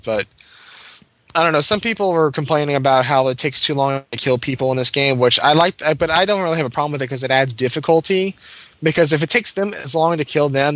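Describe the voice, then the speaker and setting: A man's voice: mid-range voice, a bit bright. A man chatting casually about video games, rambling with lots of fillers and restarts. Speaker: podcast co-host.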